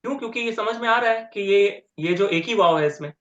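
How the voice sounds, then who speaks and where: A man teaching Arabic grammar step by step in an online lecture, repeating word forms slowly and often checking with "ठीक है?". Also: high-pitched, fairly bright tone. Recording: roomy, dull lo-fi sound.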